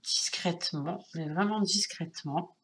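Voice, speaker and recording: A woman with a French accent hosting a craft tutorial, calmly narrating each step, her voice nasal from a cold. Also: lowish voice. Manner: slow, calm, narrates each step with little sound words. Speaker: craft channel host.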